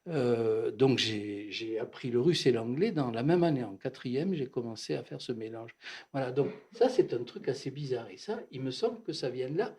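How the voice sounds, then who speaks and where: An older man from Algeria, a psychoanalyst, telling his memories at a bookshop talk in a halting, reflective way, often repeating words. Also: medium pitch, expressive, a little mellow. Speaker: psychoanalyst, guest speaker. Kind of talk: reminiscing talk at a bookshop event.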